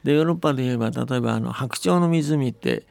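A man with a mid-range, darkish voice and some vocal fry talks quickly, telling and explaining folktales in a conversational way. He often checks that the listener agrees, and the recording is dry.

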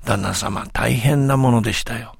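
A man's voice: medium pitch, moderate pace, vocal fry, husky, no echo, studio quality, heavily acted. A man voicing a sly, boastful village tall-tale teller who speaks with humble, servile politeness. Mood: sly, polite.

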